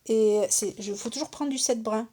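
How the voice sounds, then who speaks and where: Chatty middle-aged woman, mellow voice. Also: fairly high pitch, moderate pace, breathy edge. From France. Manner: chatty, asks "d'accord?" often, thinks aloud with fillers. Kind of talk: casual live crafting tutorial.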